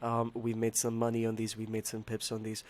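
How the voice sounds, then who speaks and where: A man hosting a trading livestream, talking casually and haltingly to his viewers in a hoarse voice that sounds unwell. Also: lowish voice, completely flat delivery, a little mellow. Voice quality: hoarse, strained voice. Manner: halting, repeats himself, addresses viewers as buddy and man. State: unwell, voice not as usual. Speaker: live trading stream host.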